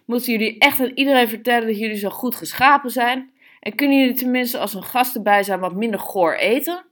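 A woman reading the part of a mother scolding her teenage sons, in a sharp, exasperated way. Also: fairly high pitch, fairly quick, pitched above the performer's own voice, close to an everyday voice.

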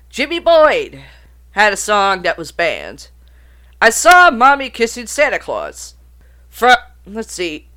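Casual uncensored podcast host: slow, animated, bright-toned, reads notes and then cusses off-script. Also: medium pitch.

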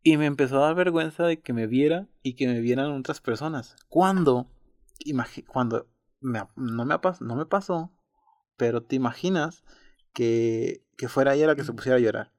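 A man with a Mexican Spanish accent in casual, slangy conversation, talking in animated bursts full of restarts. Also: mid-range voice, normal speed, no echo, studio quality. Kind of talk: casual chat.

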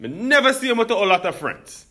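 A man's voice: sits high, big pitch swings, quick pace, sharp tone, voice pushed up, heavily acted. A man doing a blunt Jamaican barber. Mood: emphatic. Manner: emphatic, repeats himself. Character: older male Jamaican barber, blunt and preachy.

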